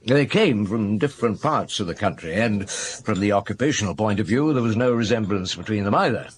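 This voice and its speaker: Inspector Maigret, husky, thoughtful detective. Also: male voice, on the low side, animated. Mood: methodical, explanatory. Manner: measured, deliberate, explanatory. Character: middle-aged male French police chief inspector, methodical and thoughtful. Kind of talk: naturalistic radio drama acting.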